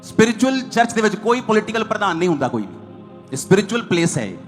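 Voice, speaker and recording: A man's voice: sits high, very animated, quick pace, soft background music. A man preaching a sermon as pastor, hammering his points in short repeated phrases.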